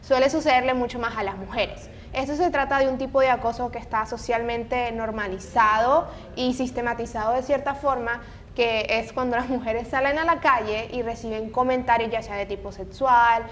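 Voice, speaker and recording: A woman's voice: fairly even intonation, normal speed. A woman hosting a casual talk podcast, speaking in an earnest, opinionated way. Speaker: podcast host. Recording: noisy, low rumble behind voice. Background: rumbling background noise.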